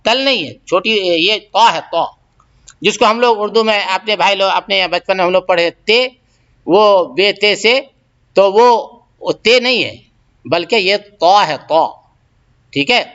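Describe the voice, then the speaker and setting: Man, recitation teacher, high voice, repeats syllables, asks if learners follow, muffled low-fi sound. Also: a bit bright. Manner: repeats syllables and drills pronunciation; asks learners to check understanding. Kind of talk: recitation lesson. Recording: dull lo-fi audio.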